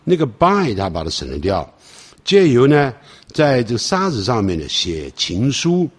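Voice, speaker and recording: A middle-aged man teaching English through song lyrics, explaining each line and reading the English slowly. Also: mid-range voice, huge pitch swings, husky.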